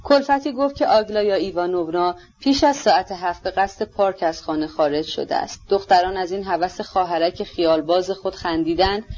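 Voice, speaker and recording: A woman reading a novel aloud in a steady, even way, in a dull lo-fi recording. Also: fairly low pitch, few pauses. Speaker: audiobook reader.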